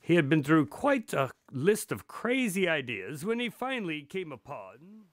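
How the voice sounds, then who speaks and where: A man's voice: fairly high pitch, big pitch swings, a little slow. A man acting as Dr. Watson, a wry, exasperated companion and storyteller bantering in a radio drama. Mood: playful storytelling.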